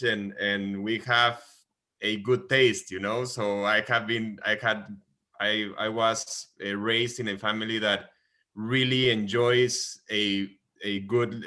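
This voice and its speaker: A man's voice: fairly low pitch, pushed and bright. A man in his twenties from Guatemala with a Guatemalan Spanish accent, earnestly telling his story as a podcast guest and often repeating words as he searches for phrasing. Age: 20s. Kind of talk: casual podcast interview.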